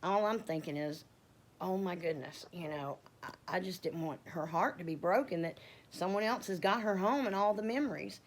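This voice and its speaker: Middle-aged woman, deep voice, tells a long heartfelt testimony, meandering and self-correcting. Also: normal speed. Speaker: homeowner telling a faith story. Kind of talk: casual personal testimony.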